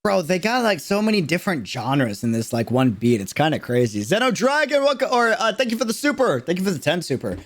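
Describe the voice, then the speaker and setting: Reacting to a trailer for a game character on his livestream, a man speaks in a high, sing-song voice, fairly fast and with hardly any pauses. His casual, slangy delivery is emphatic, and he keeps repeating phrases to drive his point across.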